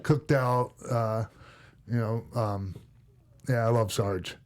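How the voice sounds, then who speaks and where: A man's voice: medium pitch, steady tone, takes it slowly. A middle-aged man with a Minnesota accent, telling stories on a podcast in a loose, rambling way full of fillers and restarts. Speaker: podcast host and former wrestler. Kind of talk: casual podcast storytelling.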